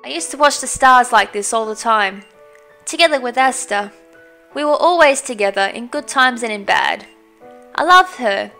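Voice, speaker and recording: A woman's voice: fairly high pitch, lively intonation, normal speed, pushed and bright, faint music behind. A woman reading the lines of a driven young woman who summons a dragon, in an earnest, dramatic way. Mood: wistful.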